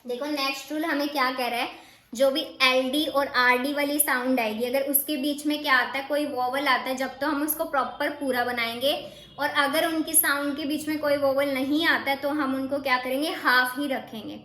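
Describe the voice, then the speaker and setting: A woman's voice: high voice, steady tone, moderate pace, fairly bright tone. A woman steno teacher explaining shorthand rules casually, often asking rhetorical questions before answering them. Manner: repeats rhetorical questions to students. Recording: echoey room.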